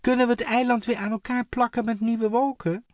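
A storybook reader voicing Floor, a young girl who calls out high, eager ideas. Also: very animated, normal speed, dark tone, husky, no room sound, studio quality. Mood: excited. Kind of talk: storybook character voice.

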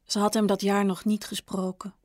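A woman author reading her own short story aloud in a calm, measured, understated way. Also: medium pitch, no echo, studio quality. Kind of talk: audiobook narration.

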